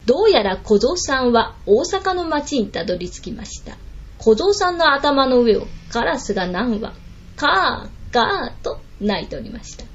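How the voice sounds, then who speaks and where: Woman storyteller, high, lively, dramatic; lo-fi recording. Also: unhurried, husky. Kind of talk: folk tale narration.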